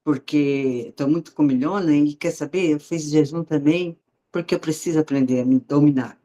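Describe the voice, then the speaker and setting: A woman's voice: sits low, moderate pace, dark tone. A woman, sharing a heartfelt personal faith testimony in a conversational, storytelling way and speaking directly to her listeners.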